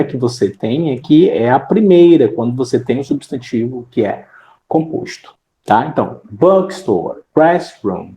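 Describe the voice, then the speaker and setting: A woman's voice: very deep voice, mellow, reverberant, low-quality recording. A woman teaching an English class online with a Brazilian accent, explaining in Portuguese and checking in with frequent tag questions.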